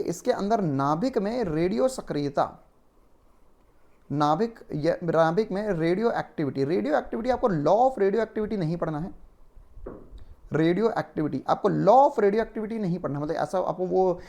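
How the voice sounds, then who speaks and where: A man's voice: high-pitched, vocal fry, darkish tone. A male physics teacher giving an online exam-prep lecture in a conversational, explanatory way, often checking in with tag questions.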